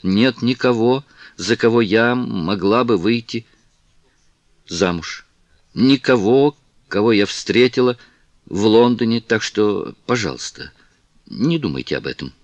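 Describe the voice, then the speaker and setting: A man reading the lines of a distressed young noblewoman, with soft, halting pleas, in an audiobook. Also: fairly low pitch, expressive, no echo, dull audio, pitched above the performer's own voice. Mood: pleading.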